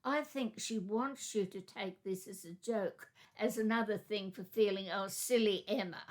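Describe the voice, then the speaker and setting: A woman co-hosting a literary discussion podcast, reading a chapter summary and giving measured, thoughtful commentary. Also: medium pitch. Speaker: podcast co-host.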